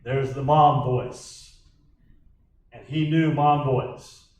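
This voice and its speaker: A male pastor leads a bible study at an unhurried, deliberate pace. His voice rings through a very echoey church room, picked up from a distance by a backup recording. He leans hard on key words. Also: medium pitch, steady tone, darkish tone, dull audio. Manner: slow, emphatic, acts out quoted lines.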